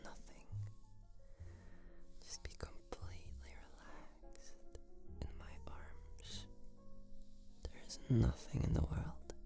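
A man in a whispered role-play as a tender, soothing boyfriend, murmuring sweet nothings in a soft, breathy voice. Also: extremely high pitch, huge pitch swings, slow, pauses often, music in the background.

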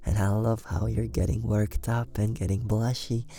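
A man in an ASMR boyfriend roleplay, talking close to the mic with soft, doting, repetitive praise that often drops to a whisper. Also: on the low side, little pitch movement, normal speed.

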